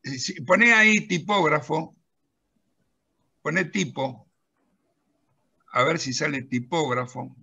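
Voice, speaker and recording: A middle-aged man with a Rioplatense Spanish accent, animatedly demonstrating software on a video call while telling an anecdote and directing a helper at the screen. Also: fairly high pitch, slow pace, creaky, long pauses, husky. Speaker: presenter of a pension-law software and magazine.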